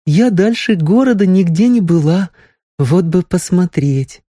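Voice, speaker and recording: A man's voice: high voice, unhurried, mellow, no echo, studio quality, pitched above the performer's own voice. A man voicing a teasing, lovestruck young village woman in a raised, girlish, pleading voice. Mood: earnest, teasing.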